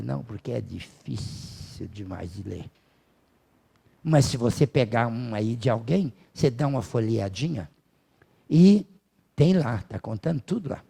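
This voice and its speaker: A Brazilian-accented man giving a spiritist lecture in loose, chatty storytelling. His fairly high voice swings widely in pitch and carries a gravelly texture. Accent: Brazilian Portuguese. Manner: animated, colloquial storytelling with acted quotes.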